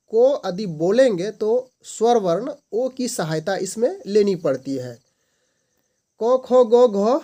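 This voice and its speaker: A man's voice: high-pitched, warm tone. A man teaching a grammar lesson as the host of his channel, stating each definition and then restating it in simpler words.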